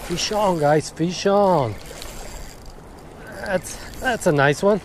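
A middle-aged man, casually talking viewers through his fishing on a rocky jetty and getting excited when fish bite. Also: high voice, takes it slowly, rough recording. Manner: chatty, addresses viewers as guys, excited when a fish bites. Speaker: fishing vlogger. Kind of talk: casual outdoor fishing vlog. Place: rocky jetty on a beach by the sea, outdoors. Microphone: chest-mounted action camera. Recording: action camera by the surf, loud wave noise. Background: loud waves and wind.

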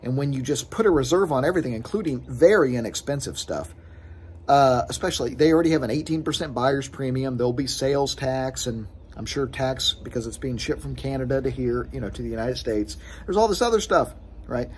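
A man's voice: medium pitch, a little fast, a little mellow, a little hiss or hum. A man in his thirties giving a casual, frustrated vlog rant to his phone camera outdoors on his porch, gesturing with his hands as he talks. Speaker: sports card collecting vlogger. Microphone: phone camera close up.

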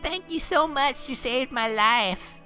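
Male player voicing a frightened little girl: squeaky falsetto, whiny pleading, very high and strained. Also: slow, bright, forceful tone, soft background music, exaggerated voice. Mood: grateful.

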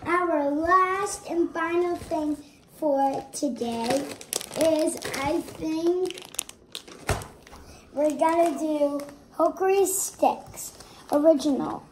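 A woman's voice: high-pitched, very slow. A child co-host tasting snacks with her dad, nervous and hesitant about trying new foods. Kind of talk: casual snack review chat. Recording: background noise with wrapper crinkling.

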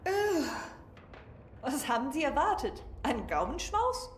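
A brusque female scientist in a video game. She is pedantic and matter-of-fact, her fairly high voice moving in lively swings. Faint noise sits behind her. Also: unhurried. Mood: brusque, dry. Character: brusque, clinical female scientist in a hazmat suit. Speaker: scientist character. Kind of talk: dubbed video game dialogue.

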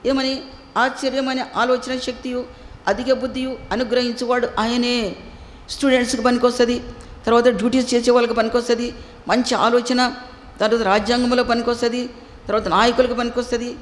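A woman's voice: on the high side, flat delivery, a little fast. A woman preacher delivering an emphatic sermon with a Telugu accent, repeating phrases and asking the listeners rhetorical questions. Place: church hall. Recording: echoey hall with faint noise.

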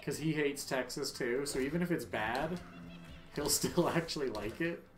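A man's voice: mid-range voice, normal speed, soft background music. Brief: man in the middle of his range, live gameplay commentary, swears and jokes with chat. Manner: profane, joking, chats with viewers. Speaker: streamer.

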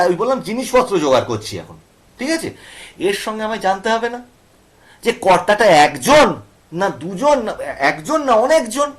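A male teacher with a Bengali accent, explaining grammar to students and often checking they follow with questions. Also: high voice. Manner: asks students questions and repeats points.

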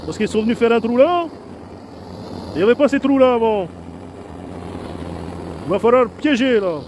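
Tired, high-voiced man rambling outdoors. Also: lively intonation, moderate pace, darkish tone, slight background noise. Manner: rambling, chatty, talks to himself and his animals. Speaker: vlogger doing garden DIY. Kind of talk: casual self-narrated vlog. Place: outdoors in a garden. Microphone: head-mounted camera.

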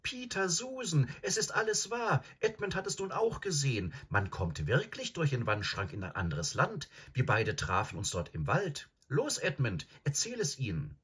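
Little girl, storybook, earnest and stubborn, high eager voice, put on by a male reader. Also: sing-song, normal speed, hardly any pauses, a bit bright, slightly rough, full character voice. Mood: excited.

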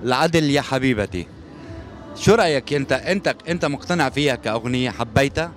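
Guy interviewer rattling off quick questions, mid voice, slight noise around. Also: medium pitch, lively intonation, faint music behind. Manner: brisk, probing questions.

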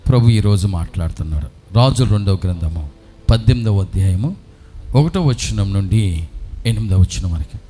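A man, a priest, preaching a sermon to a congregation and questioning his listeners, his voice swinging between hushed and loud. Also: low-pitched, animated, moderate pace, breathy edge, soft background music. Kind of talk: Telugu sermon at a healing retreat.

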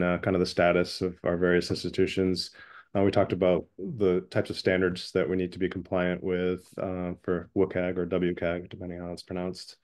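A man reporting back from a breakout group in an online meeting, relaxed and full of fillers. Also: deep voice. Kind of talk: meeting report-out on a video call. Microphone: video call.

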